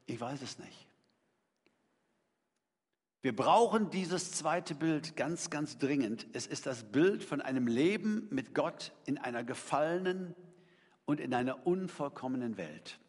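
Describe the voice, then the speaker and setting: A man's voice: fairly high pitch, expressive, unhurried, slightly rough. A middle-aged man preaching a sermon in a conversational, emphatic way, throwing rhetorical questions to his congregation. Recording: long reverb of a large hall.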